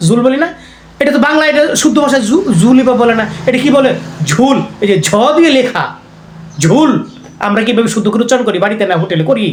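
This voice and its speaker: Rapid, high-pitched Islamic preacher; conversational lecture full of rhetorical questions; echoey room. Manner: conversational, keeps asking listeners rhetorical questions. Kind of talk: religious lecture.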